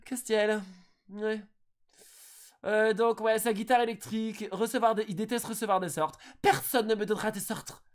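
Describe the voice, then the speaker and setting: A man's voice: sits high, steady tone, moderate pace. A man chatting and joking with viewers while streaming a dating game. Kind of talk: casual live-stream commentary.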